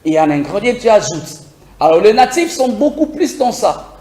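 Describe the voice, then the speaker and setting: A man teaching a beginners' English lesson on air, lively and repetitive, asking listeners to repeat phrases after him. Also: sits high, moderate pace, roomy sound. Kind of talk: live broadcast English lesson.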